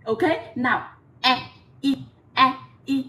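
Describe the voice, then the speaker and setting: A woman's voice: sits high, little pitch movement, slow, bright, forceful tone, distant mic. A woman teaching English pronunciation to children, encouraging and repeating sounds for them to copy. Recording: echoey room with faint noise.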